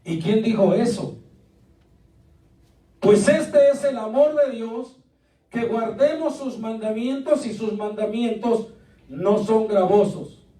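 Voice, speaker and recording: A man preaching a lively, joking sermon as pastor, calling out questions to his congregation. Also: high voice, slow pace, long pauses. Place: church sanctuary. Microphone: distant from the mic. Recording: echoey church recorded from a distance.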